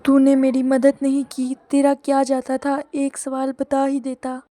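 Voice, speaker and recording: High-voiced sulky schoolboy, woman voicing him, mellow tone. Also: little pitch movement, close to an everyday voice. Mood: angry. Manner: pleading then sulky. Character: schoolboy who begs to cheat, sulky.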